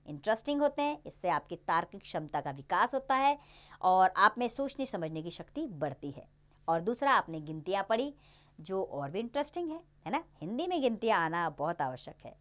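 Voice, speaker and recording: A woman teaching young children in a recorded lesson, her voice rising and falling in a lively, animated way. She is patient and encouraging, and keeps checking in with the class. When she counts, she says each number slowly and clearly. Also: medium pitch.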